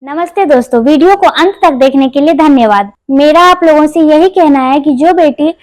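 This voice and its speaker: A woman's voice: high voice, moderate pace, a little mellow, dry recording. Sincere woman signing off her video. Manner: sincere, appealing. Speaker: channel host. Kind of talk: video outro address to viewers.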